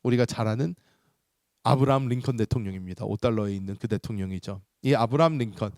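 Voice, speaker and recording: A man, a pastor, preaching a sermon as an expressive storyteller who lifts his voice for emphasis and sinks low at key points. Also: fast, no room sound, clean studio sound.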